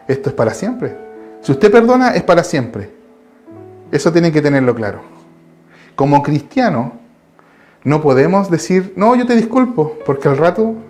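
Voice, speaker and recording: Earnest Chilean preacher over soft guitar. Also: male voice, mid-range voice. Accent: Chilean Spanish. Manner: earnest, repeats phrases, frequent restarts. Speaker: lay preacher. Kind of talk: Bible study sermon. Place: his home.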